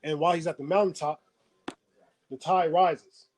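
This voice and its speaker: A man hosting a motivational webinar, telling a story and often checking in with a quick "right?". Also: a little high, fairly even intonation, darkish tone, poor audio. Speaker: webinar host.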